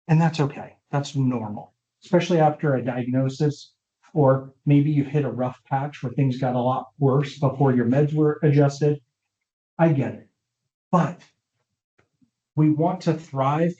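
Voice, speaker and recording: A man's voice: mid-range voice, warm tone. A man giving an informal talk as a neuropsychologist, often stopping to check that his audience is following. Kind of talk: conversational lecture with audience questions. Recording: roomy, dull lo-fi online session audio.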